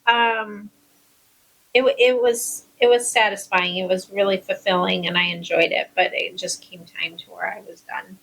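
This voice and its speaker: A middle-aged woman who visits as a guest on a friendly podcast. Her voice carries a gravelly fry, and she talks in an easygoing way, laughing at herself as she reminisces. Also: mid-range voice, steady tone, moderate pace, fairly bright tone, low-quality recording. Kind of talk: casual chat.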